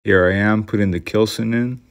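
A middle-aged man's lowish, creaky voice holds a steady tone at a slightly fast pace. He narrates his own boat build in a casual, matter-of-fact voice-over, gently mocking his mistakes.

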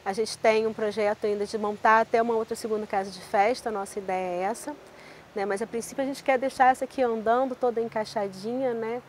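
A Brazilian woman in her thirties with a Rio de Janeiro accent speaks in a fairly high voice. She talks through an interview in an easy, conversational manner on a lapel mic. Faint noise sits underneath. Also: fairly even intonation, fast. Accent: Brazilian Portuguese, Rio de Janeiro state. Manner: warm, conversational, frequent tag questions. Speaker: buffet owner. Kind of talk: interview answers. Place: outdoor terrace seating area.

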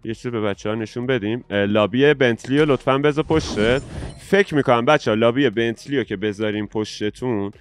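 A man's voice: medium pitch, a little hiss or hum. Joking male mobile gaming streamer. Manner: lively, joking, addresses viewers directly. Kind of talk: casual gaming commentary with a friend.

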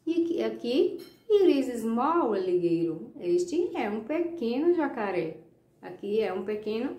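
A woman teaching English to children, a Portuguese speaker who explains slowly and patiently, repeating words and checking with "ok?". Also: fairly high pitch, darkish tone, echoey room. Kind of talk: recorded classroom lesson.

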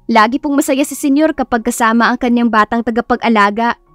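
Woman doing a nervous, high-pitched housemaid. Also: a little fast, fairly bright tone, dry recording, faint music behind, natural voice. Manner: anxious, eager, polite. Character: female housemaid, nervous and deferential.

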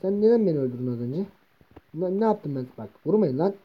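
A man's voice: fairly high pitch, expressive, brisk, dull audio, slight background noise. A man giving casual let's play commentary, swearing and talking back to the monsters attacking him and chatting to his viewers. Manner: talks to the game mobs and to viewers as "gençler". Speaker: gaming video host.

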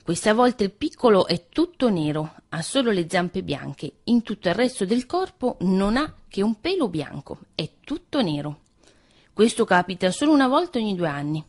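A woman voicing a sly, greedy male cat in a read-aloud fairy tale, smooth-talking and wheedling. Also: medium pitch, sing-song, normal speed. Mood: coaxing.

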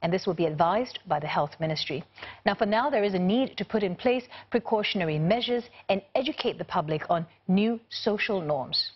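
A woman news anchor reading the news in a TV studio in a crisp, formal way. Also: medium pitch, expressive, a little fast, muffled recording, a little hiss or hum.

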